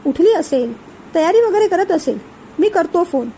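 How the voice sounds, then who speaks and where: A woman reading a kind young brother-in-law's lines in a gentle, reassuring way. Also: extremely high pitch, animated, moderate pace, slight background noise.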